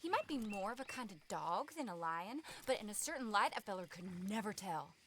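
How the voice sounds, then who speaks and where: A woman's voice: mid-range voice, sing-song, fairly quick, fairly bright tone, slight background noise. An actress playing a naive, cheerful circus woman of the Old West in a video game, with a folksy rural American accent. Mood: folksy, worried. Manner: folksy, earnest, chatty. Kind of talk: video game voice acting, Western drama.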